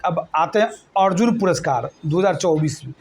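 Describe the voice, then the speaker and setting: A man's voice: a little high, animated, moderate pace, breathy edge. A male teacher leading a classroom exam-prep lesson, quizzing students with call-and-response questions and repeating mnemonics. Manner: repetitive mnemonic chanting.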